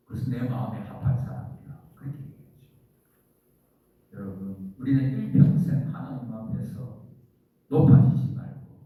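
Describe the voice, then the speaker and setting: A man preaching, his voice rising and falling with lively, animated swings as he asks his congregation questions and answers them himself. The tone is mellow and warm, and it rings out through a very echoey church hall. The mic sits far off from him. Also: on the high side. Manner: leads the congregation in call-and-response. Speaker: pastor. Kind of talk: sermon. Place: church sanctuary.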